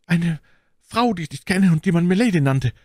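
A man's voice: high-pitched, animated, moderate pace, no echo, studio quality, pitched above the performer's own voice. A man voicing a wounded, cowardly soldier who begs for his life in a panicky, pleading way in an audiobook. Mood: frightened pleading.

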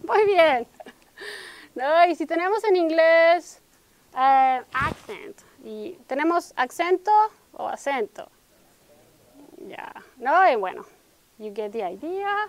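A middle-aged Mexican woman with a Mexican Spanish accent, giving an academic workshop talk, switching between Spanish and English and often tagging her sentences with a question. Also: sits high. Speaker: workshop presenter.

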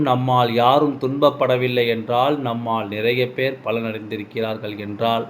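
Guy speaking a goddess message to the listener, solemn, mid-pitched voice, faint room hum. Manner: solemn, addresses the listener directly as a child. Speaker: devotional speaker. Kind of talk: devotional message spoken as the goddess.

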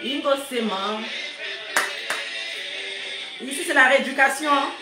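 A high-pitched woman runs a casual live stream, greeting viewers and scolding them in a bossy, teasing way. Her voice rings in an echoey room while loud music plays under her talk. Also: measured pace.

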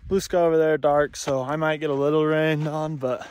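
Out in open scrubland, a young shed-hunting vlogger chats to a phone camera held near his face, meandering through filler-heavy talk. His voice is a little high and a little mellow, clean in tone, barely moving in pitch at a moderate pace.

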